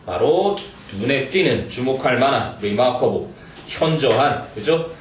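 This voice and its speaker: A man teaching English to high school students, reading English phrases slowly and checking in with the class. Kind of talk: exam-prep lecture. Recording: echoey room, mic far off, faint noise.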